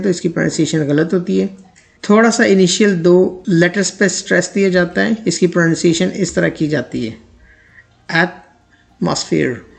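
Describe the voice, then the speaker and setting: A man teaching English pronunciation, speaking slowly and deliberately on the model words and example sentences. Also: high voice, gravelly.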